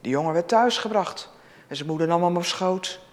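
A preacher introducing and reading a scripture story aloud in a church service, telling it expressively. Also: moderate pace. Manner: expressive storytelling with lively pitch. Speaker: preacher or worship leader. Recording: long church reverb.

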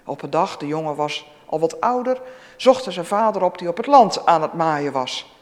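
A preacher introducing and reading a scripture story aloud in a church service, telling it expressively. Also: normal speed. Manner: expressive storytelling with lively pitch. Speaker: preacher or worship leader. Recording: long church reverb.

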